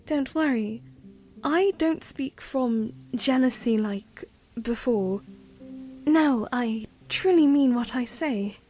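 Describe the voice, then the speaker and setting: A high, youthful princess played by a woman speaks slowly over music. She is earnest and gentle, choosing formal words with a hesitant delicacy, as in a fantasy audio drama. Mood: earnest admiration. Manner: formal, careful phrasing with hesitant stammers.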